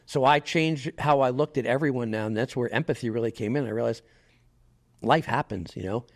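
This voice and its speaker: A middle-aged man appears as a podcast guest in a casual interview, telling stories with animation and acting out the people he quotes in lively asides. His voice is medium in pitch, a little fast, with vocal fry.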